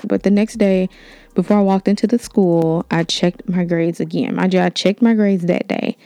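A young woman tells a personal story on her podcast, candid and animated. Her low voice has a gravelly edge and a mellow tone. The room sounds dry, with faint music underneath. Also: no room sound. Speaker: podcast host. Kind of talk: story time.

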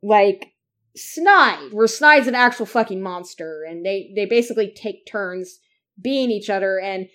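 With a medium-pitched, fairly bright voice, a woman co-hosting a casual fan podcast speaks animatedly at a measured pace. She rambles through what she wants to say, relying heavily on "like" and "uh."

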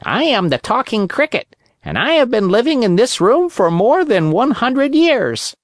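A wise old talking cricket from a storybook, calm and preachy, speaking in a thin, raised voice, as the narrator puts him on. His lines rise and fall widely, slow and careful, in a dry, close recording. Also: medium pitch, dry recording, voice pushed up. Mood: calm lecturing. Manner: calm, lecturing.

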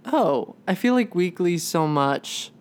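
A woman's voice: on the low side, slow pace. A young woman co-hosting a podcast in casual chat, full of "like" fillers and quoted asides. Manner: chatty, lots of "like" fillers, animated quoting. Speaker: podcast co-host.

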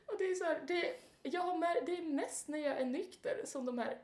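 A woman co-hosting a podcast, telling stories in a casual, animated way and acting out quotes. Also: very high voice, reverberant. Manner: animated, laughing, acts out quotes. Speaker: podcast co-host. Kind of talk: casual chat, storytelling.

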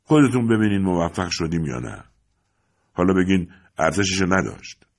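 A man voicing a weary, quiet immigrant father in an audiobook, speaking softly and soothingly. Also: deep voice, sing-song, creaky, heavily acted. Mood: proud.

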